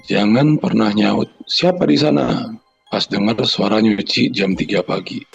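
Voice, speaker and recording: A man's voice: fairly low pitch, a little slow, highs cut off, faint music behind. A man co-hosting a podcast, chatting in slang and reading a listener's horror story aloud, sounding out the noises in it. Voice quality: gravelly, husky. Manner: banters in slang, then reads steadily with sound effects.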